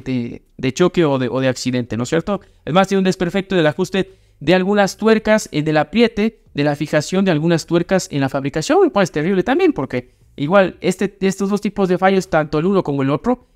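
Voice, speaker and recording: A young man, hosting a casual car review chat, emphatic and opinionated, often restarting his sentences. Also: sits high. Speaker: car channel host. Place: small studio set with brick wall. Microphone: desk microphone.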